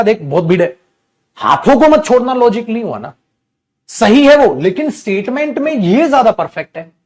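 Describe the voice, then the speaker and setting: A man teaching English grammar in an online exam-prep lecture, animated and fond of calling students "beta", slowing to a drawl as he writes out sentences. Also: sits high. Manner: drawls sentences slowly while writing.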